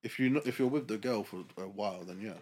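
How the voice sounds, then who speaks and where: A man's voice: fairly low pitch, quick pace, a little mellow. A man with an urban London roadman accent, chatting casually in street slang as a podcast host, telling stories with swearing.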